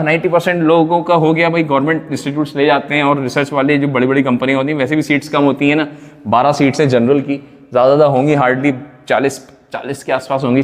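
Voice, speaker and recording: A man's voice: on the high side, big-room sound. A man who teaches at a coaching center, explaining admissions data to students in Hindi mixed with English. He keeps checking in with the audience. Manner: repeated check-ins to the audience; mixes English words into Hindi.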